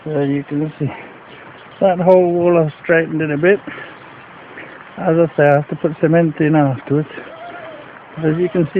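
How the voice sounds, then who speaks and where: A slightly out-of-breath man walking around outdoors by a house wall, casually explaining his work into a handheld camcorder. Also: fairly high pitch. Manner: plain, rambling, matter-of-fact explaining. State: a bit out of breath. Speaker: home video maker. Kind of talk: casual walkaround commentary. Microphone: handheld camcorder mic. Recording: tinny lo-fi camcorder audio with faint hiss.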